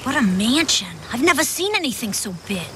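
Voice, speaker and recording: A woman playing an excitable, exasperated middle-aged mother who gripes and nags in a radio comedy-drama. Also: high-pitched, brisk, noisy background. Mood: nosy.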